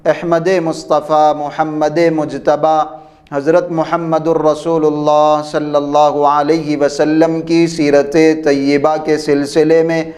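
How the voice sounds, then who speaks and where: A man's voice: fairly high pitch, darkish tone. A man narrating a devotional history lesson in a reverent tone, adding honorifics after every holy name.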